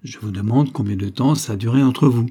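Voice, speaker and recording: A man voicing a jealous young husband in an audiobook, questioning in a sneering, cold, flat way. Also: medium pitch, fairly quick, husky, close to an everyday voice. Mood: pressing.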